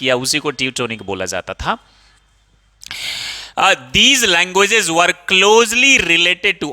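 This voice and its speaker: A man's voice: on the high side, sharp tone, big-room sound. A man with an Indian accent teaching an English textbook chapter, asking questions and answering them himself and calling his students "babu". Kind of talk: explaining a textbook chapter in Hindi with English phrases.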